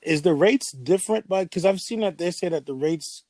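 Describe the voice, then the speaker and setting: Podcast host, mid-pitched voice, blunt questions, dry close sound. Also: normal speed, a little mellow, no echo. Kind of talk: casual interview chat.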